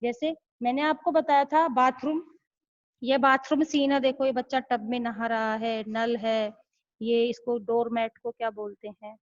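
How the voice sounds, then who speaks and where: High-voiced patient primary school teacher, woman. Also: level tone, measured pace. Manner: patient, repeats questions to check understanding. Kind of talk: online class lesson for young children. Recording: slightly muffled lo-fi audio.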